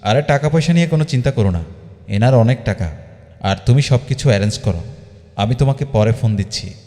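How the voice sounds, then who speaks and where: A man's voice: medium pitch, fairly quick, dark tone, in a large hall, natural voice. A man voicing a pushy, melodramatic young woman on a first date, demanding and scolding.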